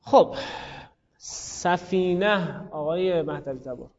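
A man's voice: fairly high pitch, in a large hall, lo-fi sound. A man teaching a grammar class, calling on students by name and thinking aloud. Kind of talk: classroom lesson on Arabic grammar.

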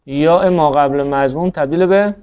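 A man's voice: a little high, highs cut off. A man teaching a grammar class, explaining each rule step by step and quizzing his students as he goes. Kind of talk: classroom lecture.

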